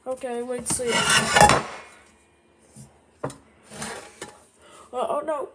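A woman's voice: sits high, steady tone, normal speed, very noisy, close to an everyday voice. A woman voicing Junior, a hungry, whiny young boy in a plush toy comedy skit. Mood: fretful. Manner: whiny, pleading.

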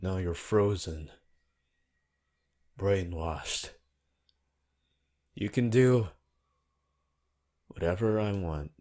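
Man voicing Hitoshi Shinsou, slow low sly flirt. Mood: smug, calm. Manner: slow, hushed, teasing, pauses often. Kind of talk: ASMR character roleplay to the listener.

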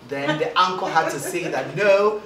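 A man with a light, high-ish voice, a broadcast journalist guest, talks animatedly at a moderate pace in a casual interview while seated in an armchair on an indoor studio set. He gestures a lot and stumbles over starts. Crowd and background noise sit under a roomy echo from a mic placed well back.

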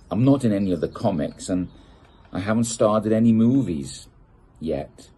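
Filmed in a garden gazebo outdoors with the camera at desk distance, a middle-aged British man gives a playful, expressive reading of a children's picture book. His voice is deep and slightly rough.

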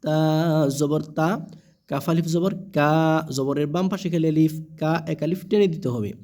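A man teaching Quran reading, spelling out each letter slowly and answering his own questions. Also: on the high side, warm tone.

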